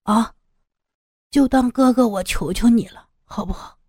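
A woman's voice: a little high, a little slow, dark tone, husky, no echo, studio quality. A woman voicing a desperate middle-aged man who sighs heavily and stammers through his pleas, in an audiobook story. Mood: pleading. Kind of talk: audiobook character voice.

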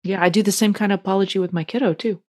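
A middle-aged woman co-hosting a relationship podcast, telling stories gently and affirming often. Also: medium pitch, fairly even intonation, racing, slightly rough. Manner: gentle, storytelling, affirming with many mm-hmms. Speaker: podcast co-host. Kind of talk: casual chat about relationships.

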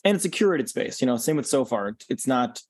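A relaxed man chats as a podcast guest, explaining things at an easy pace. He fills his talk with "um" and "you know" and restarts his sentences. The recording is dry and close, with little room sound. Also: mid-range voice, brisk, breathy edge, dry recording. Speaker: podcast guest, concert organizer. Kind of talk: casual interview chat.

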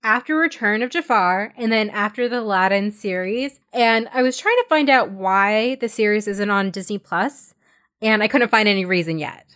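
A woman's voice: medium pitch, normal speed, a bit bright. A woman hosting a casual podcast, upbeat and leading the talk with questions. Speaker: podcast host.

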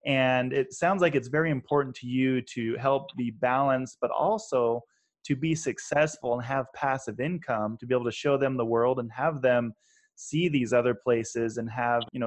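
A man's voice: medium pitch, fairly even intonation, normal speed. A man in his thirties hosting an interview in a friendly, affirming manner, building long questions. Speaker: podcast host, investor. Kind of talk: conversational interview.

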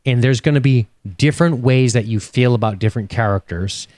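A man co-hosting a casual podcast chat, animated and joking, swearing freely. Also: mid-range voice, brisk, no room sound, clean studio sound. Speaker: podcast co-host. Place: home studio.

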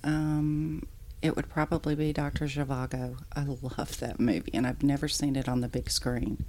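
A middle-aged woman chatting casually as a podcast guest, animated, candid and self-deprecating. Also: very deep voice, moderate pace. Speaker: podcast guest, the host's mother. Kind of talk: casual interview chat. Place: indoors at a dining room table at home.

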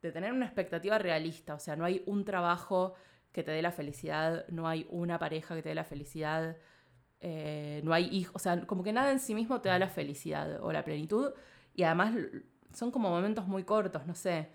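A woman from Argentina with a fairly low voice speaks with a clear Argentine accent. She muses through her answers in a casual interview and strings her thoughts together with lots of filler phrases. An occasional laugh slips into her talk. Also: fairly quick. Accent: Argentine Spanish. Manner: rambling, thinks aloud with many filler phrases. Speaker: interview guest. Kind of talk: casual reflective conversation.

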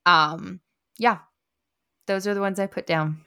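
Bright-voiced upbeat woman co-host. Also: on the low side, steady tone, creaky, clean tone. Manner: upbeat, laughs often, quick lists. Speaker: podcast co-host. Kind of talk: casual chat.

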